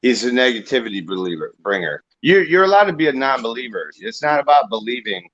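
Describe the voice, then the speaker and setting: A man's voice: medium pitch, big pitch swings, fast talker, a bit bright, no room sound, lo-fi sound. A man from Ohio chatting casually on a group stream, swearing and preaching about belief and frequency. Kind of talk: casual chat.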